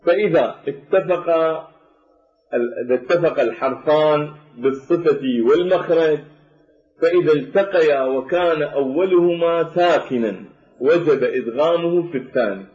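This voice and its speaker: A man's voice: fairly high pitch, a little mellow. Give me a man patiently explaining Quran recitation rules, recorded in an echoey room with muffled sound. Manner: methodical, slows to recite verse examples. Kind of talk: tajweed lesson explaining assimilation rules.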